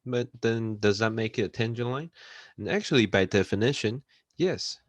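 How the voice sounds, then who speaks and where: A man giving a recorded math lecture, unhurried, with frequent fillers and checks for understanding. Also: lowish voice, no room sound. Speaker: math instructor.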